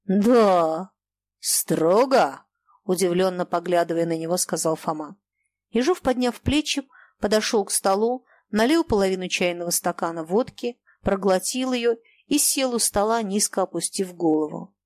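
A woman reads a classic novel aloud in a measured, expressive audiobook style. Her voice sits in a middle register. The recording is close and dry, with no room echo. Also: medium pitch. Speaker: narrator. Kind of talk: audiobook narration.

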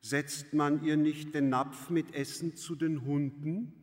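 Harsh maid, man reading, slow and clipped, big hall echo. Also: on the high side, steady tone, darkish tone. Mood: contemptuous. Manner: curt, hard. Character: harsh, contemptuous serving maid, woman. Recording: long hall reverb.

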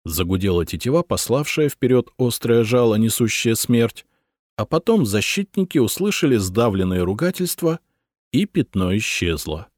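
A man narrating an adventure audiobook with an expressive reading. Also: medium pitch, normal speed, no echo, clean studio sound. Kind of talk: scripted narration.

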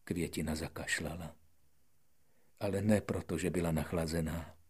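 A man's voice: low-pitched, fairly even intonation, darkish tone, breathy edge. A man narrating an audiobook expressively, dramatic and often dropping to a whisper.

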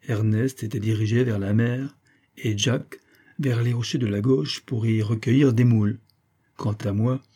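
A man reading a classic adventure novel aloud as first-person narrator, steady storytelling. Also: medium pitch, breathy edge. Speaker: audiobook narrator.

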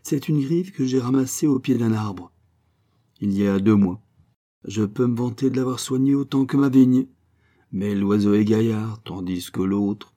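A man reading a story aloud, voicing a kindly farmer who talks fondly and heartily to a pet bird in a raised, lively voice. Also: lowish voice, measured pace, natural voice. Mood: warm, jovial. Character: kindly good-humored male farmer, tender with a pet bird. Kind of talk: storybook character voice.

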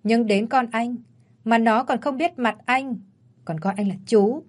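A woman's voice: on the high side, unhurried. A woman voicing a blunt, defiant pregnant young country wife in an audio story.

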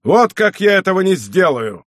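A man reading an audiobook, voicing a hot-tempered, domineering old abbot who blusters and shouts. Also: medium pitch, expressive, no room sound, clean studio sound, lightly acted. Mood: furious. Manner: blustering, shouting, quick to anger.

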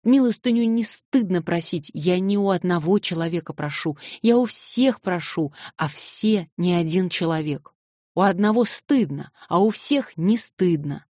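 A woman's voice: low voice, a little slow, no echo, studio quality. A woman reading an audiobook voices a distraught young orphan girl who cries and refuses insistently. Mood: sobbing defiance. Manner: crying, shouting, insistent refusals.

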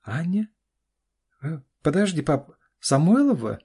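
A man's voice: on the high side, sing-song, unhurried, dark tone, husky, voice pushed up, exaggerated voice. A man voicing a pushy, anxious young adult daughter in an audiobook, pleading and insistent. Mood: incredulous. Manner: pleading, insistent, keeps saying "dad". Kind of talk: audiobook character voice.

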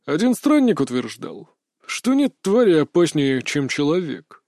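A man's voice: on the high side, wildly swooping pitch, unhurried, gravelly, darkish tone, dry recording, clean studio sound, heavily acted. A man voicing a burly bearded older hunter who taunts and lectures in a sly, mocking way, read as an audiobook character. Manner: taunting, philosophizing.

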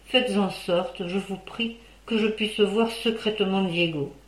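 Woman narrator doing a distraught noblewoman, imploring, tearful, medium pitch, roomy echo, storybook reading. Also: a little slow, natural voice. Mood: pleading. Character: distraught young noblewoman pleading.

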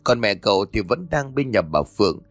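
Low-voiced man narrating a ghost story. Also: sing-song, brisk, dry recording. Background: faint background music.

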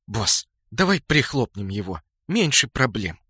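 A man voicing a hostile young female clan fighter in an audiobook, shrill and hissing. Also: very animated, a little slow, sharp tone, slightly rough, no room sound, studio quality, heavily acted. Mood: impatient. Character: fiery young woman, spiteful clan fighter. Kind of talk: audiobook character voice.

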